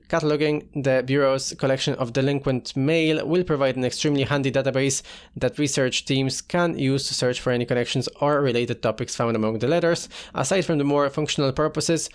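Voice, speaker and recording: A man with a medium-pitched voice does casual let's-play commentary, talking himself through the game and reading the in-game text aloud.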